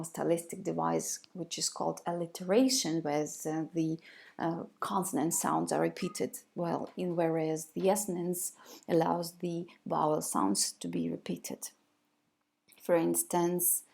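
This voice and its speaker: A woman's voice: lowish voice, gravelly. A woman giving a recorded video lecture, hesitant, with many fillers and restarts.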